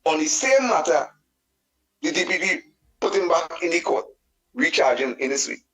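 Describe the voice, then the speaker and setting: A man with a Trinidadian accent calling in to a radio show, his phone line breaking up and cutting in and out as he talks slowly and emphatically. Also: a little high, very animated, a bit bright. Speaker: caller. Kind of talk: call-in radio caller. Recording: distant, broken-up phone call.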